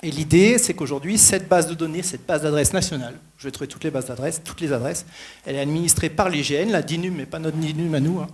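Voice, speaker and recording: A man giving a conference presentation in a quick, informal way, often correcting himself. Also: a little high. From New Caledonia.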